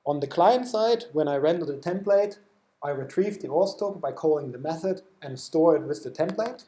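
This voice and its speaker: A man with a German accent presenting software at a developer meetup, explaining a live demo with many fillers and restarts. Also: fairly high pitch, lively intonation, normal speed, roomy sound. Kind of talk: technical talk with live demo. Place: meetup room.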